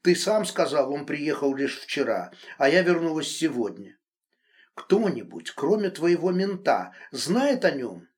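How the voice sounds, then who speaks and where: Brief: male reader as a quiet, steady young woman in an audiobook, slightly raised voice, lively inflection. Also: a little high, unhurried. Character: young woman, calm and stubborn under pressure. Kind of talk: audiobook reading.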